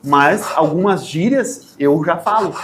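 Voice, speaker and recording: A man with a southern Brazilian accent, a podcast guest who tells stories in a lively way and acts out the lines of people in them. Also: a little high, slow, background noise. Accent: Brazilian Portuguese, southern Brazil. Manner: animated storyteller, acts out quotes. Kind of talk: casual podcast interview.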